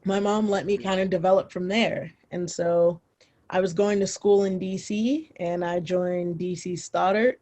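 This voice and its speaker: A woman's voice: on the low side, steady tone, a little slow, warm tone, lo-fi sound. A young woman, a former college footballer, casually telling her story as a podcast guest, with many fillers and restarts.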